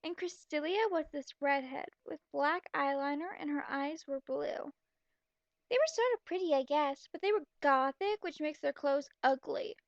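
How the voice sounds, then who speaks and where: A young woman with a high voice reads a story at a moderate pace, interjecting blunt, mocking, exasperated commentary. The home recording is dry and slightly dull.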